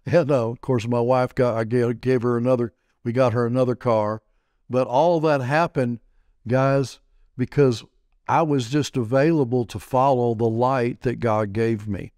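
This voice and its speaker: A man's voice: mid-range voice, fairly even intonation, unhurried, darkish tone, no room sound. Man telling a sermon story. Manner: conversational, with frequent restarts and stammers. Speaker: pastor and TV teacher.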